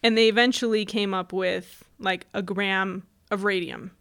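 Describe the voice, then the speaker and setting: Woman co-host, casual storyteller, chatty and quick to laugh. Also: medium pitch, steady tone, a bit bright, clear, resonant tone. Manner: chatty storyteller, laughs often, acts out quotes. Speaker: podcast co-host telling the story. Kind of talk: casual history podcast chat.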